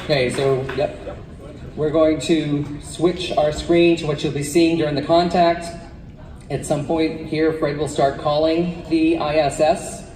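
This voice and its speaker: A man's voice: a little high, steady tone, a little slow, darkish tone. A man giving a live presentation to an assembly of students as the event's presenter. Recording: echoey hall from far off, faint noise.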